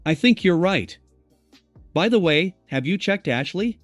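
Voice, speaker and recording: A man voicing a critical young girl in an audiobook reading, in an even, skeptical tone. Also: sits high, unhurried, dry recording, soft background music. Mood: curious.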